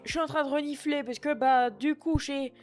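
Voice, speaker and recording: A man's voice: very high-pitched, fairly even intonation, moderate pace, soft background music. A man voicing a foul-mouthed, scatterbrained 60-year-old female shop clerk with a put-on Picard and Norman patois accent, sniffling and rambling to chat from his computer. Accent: put-on Picard and Norman patois mix. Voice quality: sniffly, rambling, swears a lot. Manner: chatty, flustered, self-mocking asides to chat. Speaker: streamer doing roleplay. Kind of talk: live-streamed game roleplay. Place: at home at a computer.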